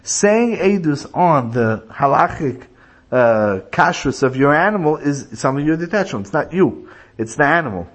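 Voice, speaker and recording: A man's voice: a little high, sing-song, normal speed. A man teaching a religious lecture, explaining points through illustrative stories. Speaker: rabbi teaching a class.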